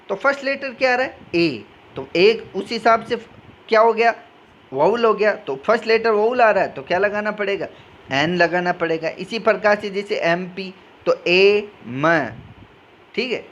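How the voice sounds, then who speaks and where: A man's voice: high voice, a bit bright, a little hiss or hum. A male teacher with a Rajasthani Hindi accent giving a grammar lesson, explaining step by step and answering his own questions. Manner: switches between reading English rules and explaining in Hindi.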